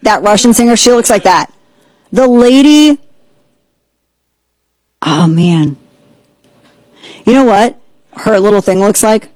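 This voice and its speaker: A woman hosting an opinionated political commentary show, sarcastic and mocking, with quick asides. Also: medium pitch, animated, darkish tone, low-quality recording. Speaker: host.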